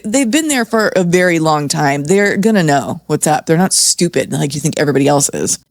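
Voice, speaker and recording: A woman's voice: sits low, dry recording, clean studio sound. A woman giving blunt, sarcastic true crime reaction commentary in a casual style, with lots of fillers. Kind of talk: reaction commentary, reading aloud and remarking.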